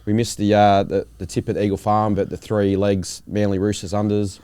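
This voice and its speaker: Australian man, lowish smooth voice, relaxed co-host, dry close mic. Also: moderate pace, dry recording. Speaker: podcast co-host. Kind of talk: casual pub-style chat.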